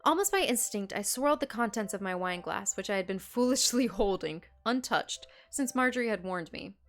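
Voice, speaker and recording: A woman's voice: medium pitch, lively intonation, a little fast, fairly bright tone. A woman gaming streamer reading a story game aloud, tripping over long words and laughing at herself. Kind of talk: reading a visual novel aloud with asides.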